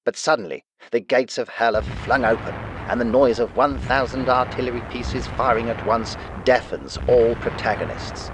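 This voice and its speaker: A man's voice: mid-range voice, steady tone, moderate pace, few pauses, background noise. A man reading scripted wartime newsreel narration in a dramatic, declarative way. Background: music under the narration.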